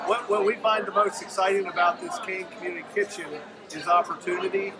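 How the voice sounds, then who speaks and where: A man with a high voice talks about his small farm in a steady, businesslike way. A loud crowd fills the large community hall around him. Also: fast talker. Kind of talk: short interview comment.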